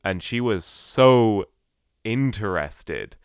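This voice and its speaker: A podcast co-host in casual chat, supportive and gently teasing, laughing often. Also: mid-range voice, expressive, drawn-out words, smooth, no room sound, clean studio sound.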